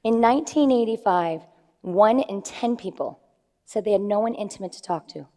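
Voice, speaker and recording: A woman's voice: mid-range voice, expressive, normal speed, warm tone. A woman who is a life coach, giving an earnest talk to an audience and stressing figures. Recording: long hall reverb.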